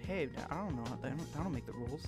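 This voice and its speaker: A man's voice: medium pitch, expressive, rapid-fire, loud music behind the voice. A young man co-hosting a podcast, explaining a story in an offhand way with throwaway asides. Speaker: podcast co-host. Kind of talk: casual group chat.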